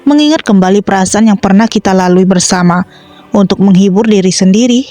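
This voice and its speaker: A woman reading a romance comic aloud in a scripted, even tone, voicing every part herself. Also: medium pitch, a little fast. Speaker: comic dub reader. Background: faint background music.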